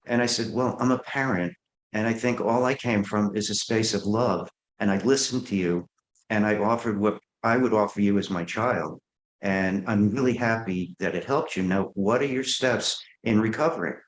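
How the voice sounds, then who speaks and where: A man's voice: fairly low pitch, normal speed, echoey room, poor audio. A man who works as a therapist, telling earnest stories about clients in an interview and acting out their dialogue. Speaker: guest therapist. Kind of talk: interview storytelling.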